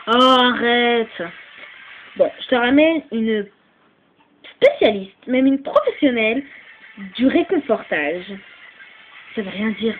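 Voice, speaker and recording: A woman's voice: fairly high pitch, narrow, tinny audio, slight background noise. A woman voicing all the characters in a homemade fan dub, switching voices and often sounding tearful. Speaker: fan voice actor doing all parts.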